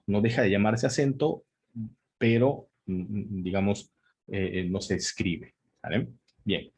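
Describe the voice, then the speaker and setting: Guy teaching spelling, kinda low husky voice, lots of ehs and restarts. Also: a little mellow. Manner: hesitant, many fillers and restarts, checks in with "¿sale?". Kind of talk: spelling lesson, spontaneous explanation.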